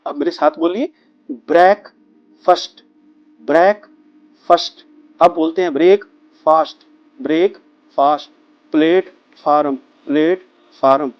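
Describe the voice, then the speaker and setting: A man teaches travel vocabulary, speaking with a very animated, swinging pitch and stretching the terms out so learners can repeat them. The recording is dry and close, with a slightly dull, muffled sound. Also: no echo. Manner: explains slowly, drawing out English words for the learner to repeat. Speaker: English teacher. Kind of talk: spoken vocabulary lesson.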